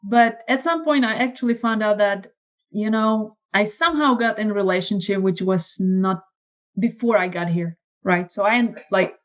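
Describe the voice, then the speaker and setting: A woman with a Czech accent, a podcast guest telling her story in casual conversation, lively and acting out quoted lines. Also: normal speed, highs cut off. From Czech Republic. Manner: animated, acts out quoted lines in a higher voice.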